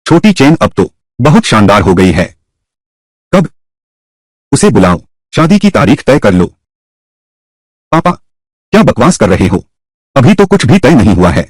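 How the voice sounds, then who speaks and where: A man dubs a whole drama alone, voicing each role in turn. His voice is husky and his pitch swings widely between characters. The recording is dry and close. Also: big pitch swings, moderate pace, pauses often, no echo. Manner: voices every character himself with shifting pitch. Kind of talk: single-voice dub of a drama.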